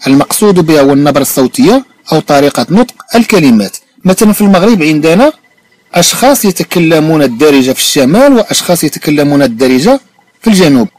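A man with a Moroccan accent teaching a language lesson, reading each phrase slowly and then explaining it and checking that the listener understood. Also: fairly high pitch, sing-song, darkish tone. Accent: Moroccan Arabic.

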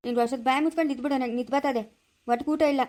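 A woman with a Chikkaballapur Kannada accent, acting in a dramatized village family skit, speaking in a sharp, scolding, dismissive way. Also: sits high, very fast.

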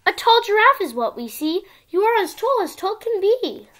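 A girl of about ten with an expressive, sing-song delivery, reading a storybook aloud as if to small children. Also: very high voice, normal speed. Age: child, around ten. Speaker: young video channel host reading a picture book. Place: small indoor room at home.

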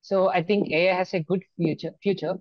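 A man's voice: sits high, steady tone, brisk, dry recording. Male student, early twenties, native Telugu with Telugu Indian accent, interviewee on dull earphone-mic call audio. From Andhra Pradesh, India. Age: early 20s. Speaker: student exam topper being interviewed. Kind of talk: interview answers on a video call. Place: small plain room indoors. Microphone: wired earphones on video call.

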